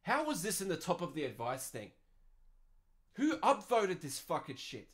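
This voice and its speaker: Australian male podcast host with a slightly high voice, crude and profane, swings from loud to mumbled. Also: wildly swooping pitch, moderate pace. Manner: crude, profane, swings between loud outbursts and muttered asides. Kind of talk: solo ranting podcast.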